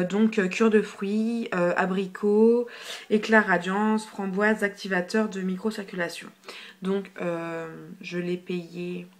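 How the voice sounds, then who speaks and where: A young woman chatting casually through a makeup haul, full of fillers and repeated words, sometimes dropping almost to a whisper, filmed on a phone. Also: fairly low pitch. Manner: chatty, filler-heavy, repeats hyper, drops to near whispers. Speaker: beauty vlogger. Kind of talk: casual product haul review. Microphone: phone camera.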